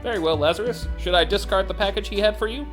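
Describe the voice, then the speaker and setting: A man doing a flat, emotionless robot helper. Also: sits high, fast, faint music behind, voice pushed up, lightly acted. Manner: flat, emotionless, formal machine speech. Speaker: game master. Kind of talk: voicing a character in a tabletop game.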